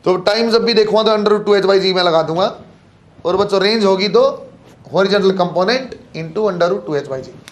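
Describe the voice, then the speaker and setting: A man's voice: high voice, measured pace. A man teaching physics to exam students, calling them beta and bachhon and asking and answering his own questions. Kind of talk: classroom lecture.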